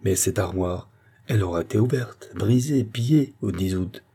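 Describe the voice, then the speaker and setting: A man voicing a composed, honest male minister who questions in a measured way. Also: lowish voice, mellow, slightly rough. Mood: questioning.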